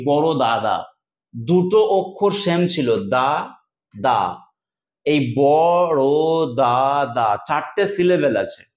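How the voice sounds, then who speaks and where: A fairly high-voiced man gives an exam-prep lecture, breaking words into syllables and repeating them slowly. The sound is dull and lo-fi, with a roomy echo around him. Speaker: teacher. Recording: echoey, dull lo-fi room sound.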